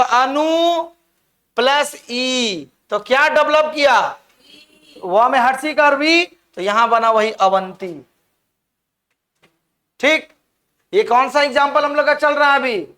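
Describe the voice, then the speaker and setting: A man lectures on grammar with a strikingly high-pitched, bright and forceful voice. He walks through each example piece by piece, checking understanding with frequent questions to the students. His delivery is that of an experienced classroom teacher. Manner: explains step by step, keeps asking the class questions.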